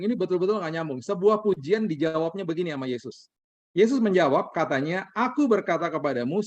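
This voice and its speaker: A pastor, preaching a sermon over a video call in a lively, conversational way, often acting out quotes from everyday life. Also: male voice, fairly high pitch. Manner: animated preaching with playful acted-out quotes.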